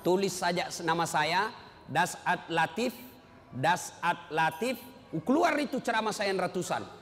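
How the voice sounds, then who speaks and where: A man's voice: high voice, animated, measured pace, a bit bright. A man preaching to a live audience. He tells stories, makes jokes and asks the listeners direct questions. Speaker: Islamic preacher. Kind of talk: lively sermon with storytelling and jokes. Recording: reverberant hall with faint ambient noise.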